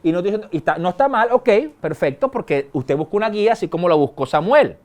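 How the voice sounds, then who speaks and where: A middle-aged male pastor, preaching a sermon in a conversational way, with colloquial asides and sudden quick bursts. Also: high-pitched, lively intonation, darkish tone. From Venezuela.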